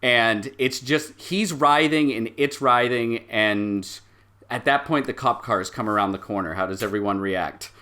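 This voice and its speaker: Acting as game master, a man narrates an improvised tabletop game, building scenes vividly but in halting bits with many pauses. His voice is mid-pitched, bright and forceful.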